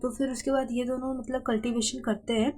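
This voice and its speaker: A woman's voice: sits high, little pitch movement, brisk, darkish tone, low-quality recording. A woman narrating a comic recap in a chatty, loose storytelling way.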